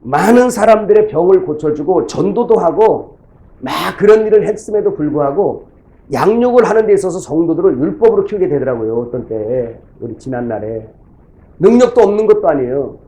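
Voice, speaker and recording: A middle-aged man delivers a folksy sermon as a pastor, slipping into the voices of his church members as he tells his stories. His voice sits a little high for a man, with a mellow, soft tone. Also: expressive, fairly quick, poor audio.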